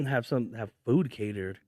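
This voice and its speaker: A man's voice: medium pitch, animated, unhurried, darkish tone, dry recording, studio quality. A man co-hosting a casual podcast, laid-back and adding joking asides. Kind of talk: casual chat.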